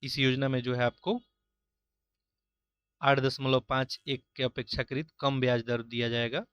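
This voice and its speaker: A man working through mock-test questions as an exam-prep teacher, reading each question and its options, then giving the answer in a steady, explanatory way. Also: medium pitch, measured pace, smooth, no room sound. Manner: steady, explanatory, repeats filler "jo hai".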